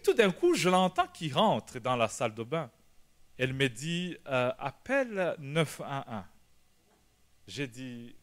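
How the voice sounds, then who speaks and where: Animated, high-voiced storytelling pastor. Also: male voice. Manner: animated storytelling, laughing and shouting at dramatic moments. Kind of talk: sermon with personal story. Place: church prayer meeting.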